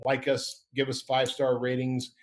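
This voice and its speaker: A man's voice: mid-range voice, monotone, moderate pace. A middle-aged man hosting a casual podcast, rambling and upbeat, often correcting himself as he goes. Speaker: podcast host. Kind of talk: casual chat.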